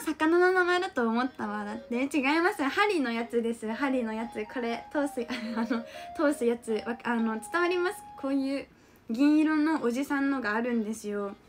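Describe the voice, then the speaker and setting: A young woman streamer with a mixed Kansai and Kanto lilt, chatting casually as she reads out viewer comments and giggles often. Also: high voice. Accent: mixed Kansai and Kanto intonation. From Japan. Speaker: streamer reading chat comments. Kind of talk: casual live-stream chat.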